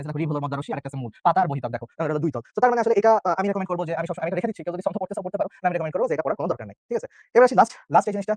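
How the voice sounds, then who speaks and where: Rapid-fire high-voiced young tutor. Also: male voice, darkish tone, no echo. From Bangladesh. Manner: chatty, joking, keeps checking in with students. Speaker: biology tutor. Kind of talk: online exam-prep lecture.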